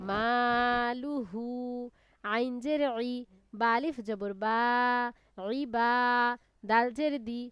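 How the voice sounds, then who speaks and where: A woman leads a live Quran reading lesson, spelling out each letter and vowel in a slow, patient chant. Her voice sits a little high and sounds smooth and clear. The recording is dry, with no room sound around her. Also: no room sound. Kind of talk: slow drilled recitation of letters and vowel marks. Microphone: online live class.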